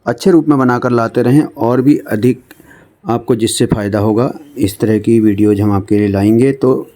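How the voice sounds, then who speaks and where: A man teaching an English lesson, reading newspaper phrases slowly and then explaining them to his viewers. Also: mid-range voice, warm tone. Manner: addresses viewers directly.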